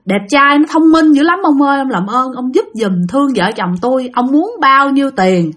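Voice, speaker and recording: A woman's voice: high-pitched, animated, moderate pace, fairly bright tone. A woman voicing grieving parents who plead and implore a stranger to save their child.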